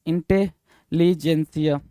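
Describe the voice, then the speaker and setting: A male teacher leading an exam-prep vocabulary lesson. He reads English definitions slowly, explains them in quick Hindi, spells each word letter by letter and repeats the answers. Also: a little high, fairly even intonation, dark tone, clean tone, dry recording. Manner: spells words letter by letter, repeats answers, calls students bhai.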